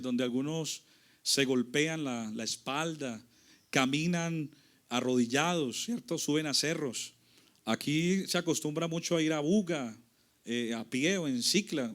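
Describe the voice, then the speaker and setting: Colombian male pastor, high voice, dramatic sermon delivery with big swings in volume. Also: fairly bright tone. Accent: Colombian, from Cali. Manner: dramatic storytelling, voice rising and falling widely. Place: church.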